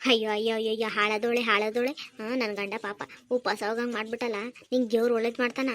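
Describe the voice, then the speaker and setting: Cartoon: high-voiced, domineering mother-in-law, voiced by a woman, sharp and taunting. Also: little pitch movement, quick pace, no room sound, natural voice. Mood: scolding. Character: domineering scolding middle-aged mother-in-law. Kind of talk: cartoon voice acting.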